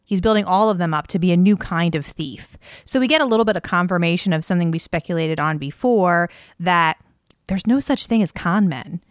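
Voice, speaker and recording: A chatty woman co-hosting a book podcast, recapping the story in casual slang and laughing easily. Her voice sits a little low for a woman. The recording is close and dry, with no room echo. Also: brisk. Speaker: podcast co-host.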